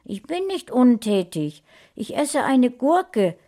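A woman's voice: on the high side, slow pace, voice pushed up. Sulky, backtalking teen boy in a storybook reading, voiced by a woman reader. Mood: cheeky sulky. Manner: cheeky, grumbling. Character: cheeky fourteen-year-old boy, sulky.

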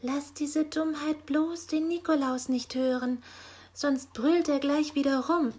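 Lady voicing a bossy, caring female helper, high and loud-ish, slow storybook delivery. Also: steady tone. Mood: urgent.

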